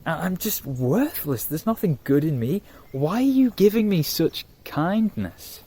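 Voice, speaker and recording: A man's voice: a little high, very animated, a little slow, warm tone, breathy edge, voice pushed up, heavily acted. A humbled, frightened lame man pleads before a king, as a man voices him in a retelling. The voice is a touch raised and self-abasing. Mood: pleading.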